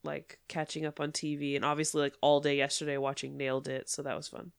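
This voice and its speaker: A woman with a fairly low, clear voice chats casually as a podcast host. She is stuffed up with a cold, giggly and loose in her talk. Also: level tone, fast. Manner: giggly, frequent filler "like". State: congested with a cold, blocked nose.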